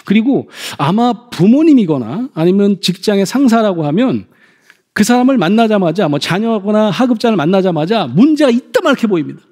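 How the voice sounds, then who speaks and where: A middle-aged man giving a stage lecture to an audience, animated, acting out parents and children in quoted voices. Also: sits high, a little fast, in a large hall.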